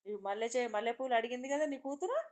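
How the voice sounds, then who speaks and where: Woman storyteller doing a threatening giant monster lizard, quick and loud. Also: fairly high pitch, close to an everyday voice. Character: menacing monster lizard, giant and red-eyed.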